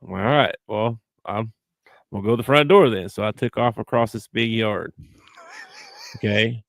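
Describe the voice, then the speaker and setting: A man co-hosting a podcast, telling animated stories in casual chat and laughing often as he talks. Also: on the low side, moderate pace, vocal fry, no room sound. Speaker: podcast co-host.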